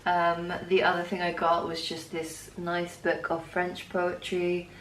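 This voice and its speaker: A woman's voice: fairly low pitch, monotone, measured pace, far from the mic. A young woman chatting casually with a friend, speaking thoughtfully about books. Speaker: writer, friend of the vlogger. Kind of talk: casual chat. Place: indoors at night, a rented flat. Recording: echoey room, a little off-mic, faint noise.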